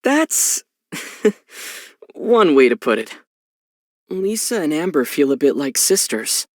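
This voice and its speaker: Thoughtful young adventurer, dry studio sound. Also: male voice, on the high side, very animated, takes it slowly, no room sound. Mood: matter-of-fact. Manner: earnest, reflective, gently wry. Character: young male adventurer hero, gentle, thoughtful, wry. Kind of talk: video game character voice lines.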